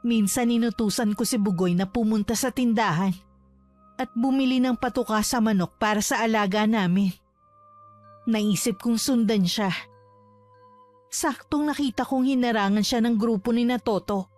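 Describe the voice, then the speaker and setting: A woman reads a horror story in a steady, measured voice, pitched a little high. Faint music plays beneath her narration.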